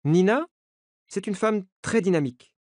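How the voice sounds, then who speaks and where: A man narrating an audiobook for language learners in a deliberate, carefully articulated way. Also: sits high, darkish tone, dry recording, studio quality.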